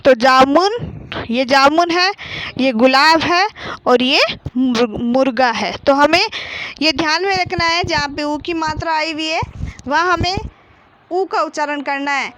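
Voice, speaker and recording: A woman's voice: sits high, a little slow, fairly bright tone, slight background noise. A woman teaching a children's Hindi reading lesson, patiently spelling out each syllable and blending them into words.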